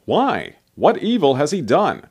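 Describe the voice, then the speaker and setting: A man reading the part of a stern Roman governor who questions his prisoner and the crowd, in a measured way. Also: a little high, wildly swooping pitch, darkish tone, slightly rough, voice pushed up, exaggerated voice. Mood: questioning.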